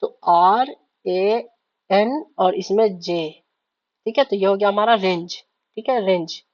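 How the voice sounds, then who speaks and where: A woman with a mid-range, slightly mellow voice teaches shorthand slowly in a mix with spoken language, moving word by word and spelling out letters on a board. She repeats words and keeps asking "ठीक है?" to make sure the class follows. The recording sounds slightly dull and lo-fi.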